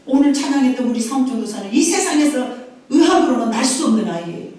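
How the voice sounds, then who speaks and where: Middle-aged woman pastor, high lively voice, emphatic repeating sermon style, heard from a distance in a very echoey church hall. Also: fast talker. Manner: emphatic, repetitive preaching with calls for amen. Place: church sanctuary.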